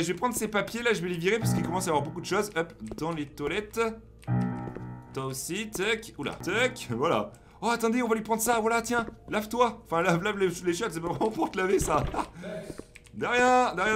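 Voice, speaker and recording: Young male gaming streamer, excitable, chats to viewers, high animated voice. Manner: excitable, talks to viewers as "les amis", reads game prompts aloud. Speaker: gaming YouTuber. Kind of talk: let's play commentary.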